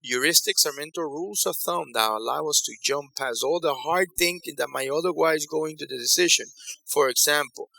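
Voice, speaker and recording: Bright-voiced man from Ecuador teaching. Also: medium pitch, gravelly, no echo, poor audio. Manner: conversational, repeats phrases for emphasis. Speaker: workshop facilitator. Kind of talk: conference breakout talk.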